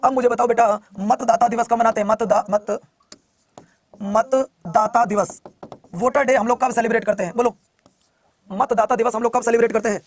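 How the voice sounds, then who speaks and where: Fast high-voiced male quiz teacher. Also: fairly even intonation, no room sound. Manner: rapid, repeats questions, coaxes students to answer. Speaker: online exam coaching teacher. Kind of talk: live class quizzing students.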